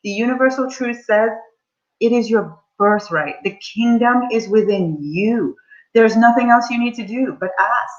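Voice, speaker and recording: Her voice is a little high and a little slow, captured with lo-fi sound. She's a money mindset coach in her forties, cheerfully encouraging her audience as she leads a live online coaching session.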